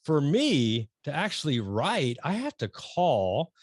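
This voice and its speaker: A middle-aged man hosting an interview, talking casually and rambling with many restarts and excited emphasis. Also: a little high, slow, no room sound, clean studio sound. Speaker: podcast host interviewing a guest.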